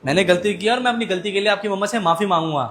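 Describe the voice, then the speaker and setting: A man acting as a hot-tempered husband and father, shouting at times and speaking softly when he apologizes, in a family drama skit. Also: high-pitched, racing, slight background noise. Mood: apologetic.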